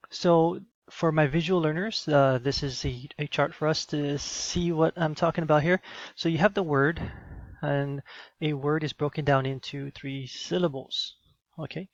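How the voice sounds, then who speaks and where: A man teaching in a screencast lesson, explaining patiently with many fillers and quick check-ins. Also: on the high side, no room sound, dull audio.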